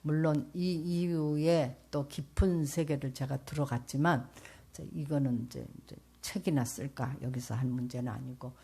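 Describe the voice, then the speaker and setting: An older woman from South Korea giving an earnest church testimony as a pastor's wife, speaking straight to the audience and swinging between loud and soft. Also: extremely low pitch, steady tone, moderate pace, vocal fry, breathy edge. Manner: earnest, addresses the audience directly.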